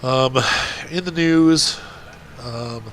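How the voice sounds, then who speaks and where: A man's voice: mid-range voice, extremely slow, a little hiss or hum. A man with a congested, blocked-up nose giving casual, rambling gameplay commentary as a video host. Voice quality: congested, blocked nose, nasal stuffy sound.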